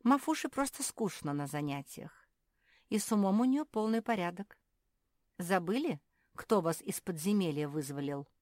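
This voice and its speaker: A woman voicing a gentle, kind young female jerboa in a storybook reading, speaking softly and earnestly. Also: fairly low pitch, expressive, normal speed, no echo, studio quality, pitched above the performer's own voice, natural voice. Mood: pleading. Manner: soft, forgiving, earnest.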